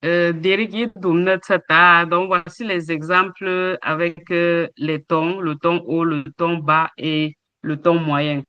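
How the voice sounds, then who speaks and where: A man teaches a language class online, going through examples one syllable at a time. His voice sits a bit high for a man, and he talks very slowly and deliberately. The sound is dry and close. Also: little pitch movement, smooth, no room sound, dull audio. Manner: slow, explains with repeated examples and hesitations. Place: home, over a video call. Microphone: computer mic on a video call.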